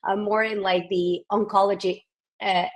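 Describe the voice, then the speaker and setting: Animated woman from Ecuador, guest. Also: mid-range voice, normal speed. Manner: restarts often, animated and enthusiastic. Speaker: guest, physician scientist. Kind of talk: casual interview conversation.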